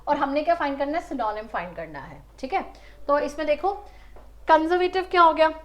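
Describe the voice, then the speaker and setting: Indian woman exam tutor, high pitched, spells words out, patient step-by-step explainer. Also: animated, brisk. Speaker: exam prep teacher. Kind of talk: online lesson, mixing English and Hindi.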